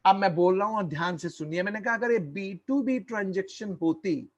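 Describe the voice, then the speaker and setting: A man giving an online tax lecture, slow and deliberate, repeating key points and quizzing his listeners. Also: high-pitched, dull audio.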